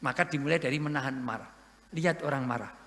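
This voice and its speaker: A man preaching a humorous sermon to an audience, lively and joking, with sudden loud emphasis. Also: mid-range voice, fast talker. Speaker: Islamic preacher. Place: large hall at an event. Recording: echoey hall with long reverb.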